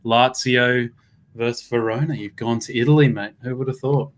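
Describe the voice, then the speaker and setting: A man's voice: mid-range voice, fast talker, darkish tone. A man with an Australian accent hosts a live sports betting stream. He keeps it upbeat and matey, with a voice in the middle register. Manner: upbeat, matey, calls everyone mate. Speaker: host.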